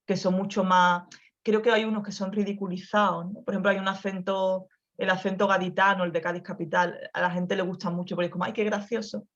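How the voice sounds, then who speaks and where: A woman with a softened Andalusian accent, speaking reflectively on a video call, with many restarts and tag questions. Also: medium pitch, level tone, fast talker, highs cut off. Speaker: guest author. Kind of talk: conversational talk over video call.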